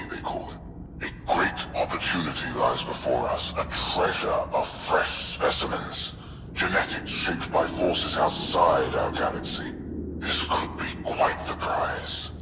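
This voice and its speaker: An extremely low male voice plays an imperious, cold alien overlord examining captive specimens in a sci-fi game's villain monologue. The delivery is grandiose, clinical, menacing and measured, with loud music and heavy background noise beneath it.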